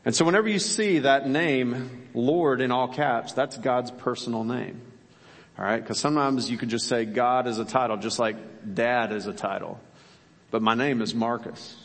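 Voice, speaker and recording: A man preaches from the pulpit in an easy, conversational tone of mid pitch. He keeps asking his listeners rhetorical questions. A long reverb from the large church space hangs on every phrase. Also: moderate pace. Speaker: pastor. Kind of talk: sermon.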